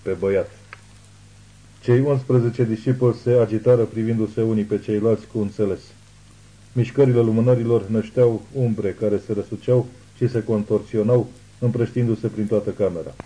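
A man narrating an audiobook thriller in a measured, ominous reading. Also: lowish voice, fairly even intonation, warm tone, breathy edge, low-quality recording. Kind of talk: scripted narration.

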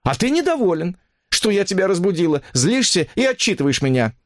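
A man's voice: sits high, very animated, a little fast, dry recording, studio quality, voice pushed up. Man voicing a desperate, pleading lovesick woman. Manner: pleading, reproachful.

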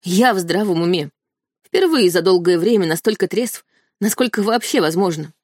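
A woman's voice: on the low side, expressive, normal speed, darkish tone, no echo, studio quality. A woman voicing a cold, contemptuous young prince who speaks harshly and scornfully. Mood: angry.

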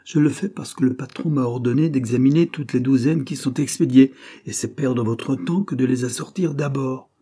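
A man's voice: mid-range voice, normal speed, few pauses, warm tone, breathy edge, pitched above the performer's own voice. A man voicing an earnest, dutiful young clerk who explains patiently and firmly.

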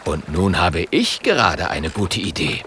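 A man voicing a boastful, cheerful male polar bear in a storybook reading, with a gravelly voice that drops to a hushed whisper. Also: sing-song, measured pace, background noise. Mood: scheming. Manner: low hushed whisper when hunting.

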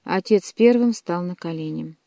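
A woman narrating an audiobook in a measured, dramatic reading style. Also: on the low side, vocal fry, dark tone, dry recording, clean studio sound.

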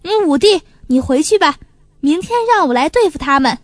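A woman voicing a brave young brother who gently reassures his family. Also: very high-pitched, expressive, moderate pace, dry recording, studio quality. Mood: reassuring.

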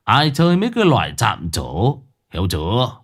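A man's voice: lowish voice, huge pitch swings, brisk, husky, exaggerated voice. A man voicing a boastful, scheming old village con man who squeals and whines when he gets caught. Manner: bragging, then squealing and whining when caught.

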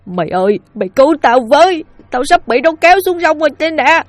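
A woman's voice: lowish voice, brisk, a little mellow, breathy edge, no echo. A woman voicing a cowardly, bragging older village man who stammers and pleads. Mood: panicked.

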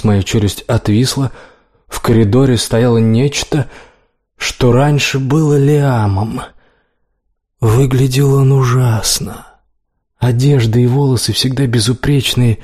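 A man reading a first-person audiobook in a steady, even manner. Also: mid-range voice. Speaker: audiobook narrator.

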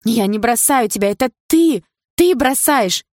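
A woman voicing a jealous young woman who sounds shrill, hurt and indignant in an audiobook. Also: lively intonation, measured pace, no echo, studio quality. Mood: insistent.

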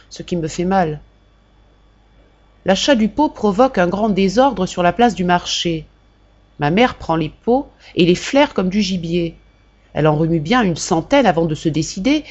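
Lectrice de livre audio, lecture posée. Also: female voice, mid-range voice, lo-fi sound. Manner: measured, expressive first-person reading. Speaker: volunteer audiobook reader. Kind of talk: audiobook narration of a classic novel.

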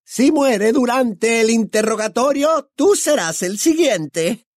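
Man voicing a cruel witch woman, very high shrill voice, slow menacing drawl, audiobook, dry close sound. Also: expressive, darkish tone, no room sound, heavily acted. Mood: threatening. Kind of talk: audiobook character voice.

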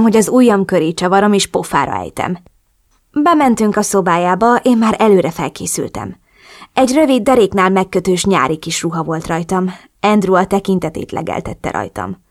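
A woman narrating a romance audiobook in the first person, expressive and lively. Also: medium pitch, no room sound, clean studio sound.

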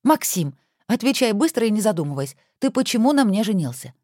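A woman's voice: medium pitch, no echo, studio quality, voice pushed up. Woman doing a flustered, touchy wife. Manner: quick, indignant, excitable.

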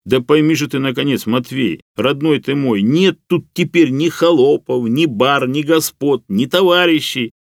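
A man's voice: medium pitch, unhurried, gravelly, few pauses, no echo, clean studio sound, voice pushed up. A man voicing a blunt, exasperated young fellow who talks in a colloquial, emphatic way.

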